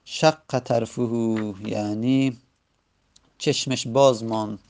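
A man teaching a grammar lesson, slowly sounding out each word and repeating it before he explains what it means. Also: mid-range voice, steady tone, darkish tone. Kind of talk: classroom lecture explaining verse word by word.

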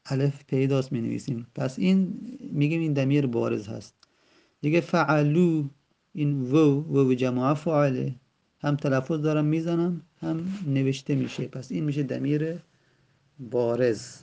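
A man's voice: mid-range voice, gravelly, mellow. A man teaching Arabic grammar in a patient lesson, repeating and rephrasing each term, speaking directly to the student. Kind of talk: explanatory lesson. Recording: dull lo-fi recording.

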